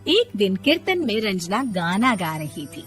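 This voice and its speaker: A woman narrating a cartoon story in a lively, expressive way. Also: medium pitch, a little slow, husky, soft background music.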